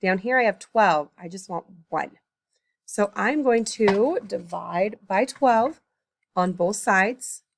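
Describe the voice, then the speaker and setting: Tired in the early morning, a woman teaches a recorded math lesson, working problems aloud, thinking out loud and correcting her slips. Her medium-pitched voice is slow and creaky, with background noise.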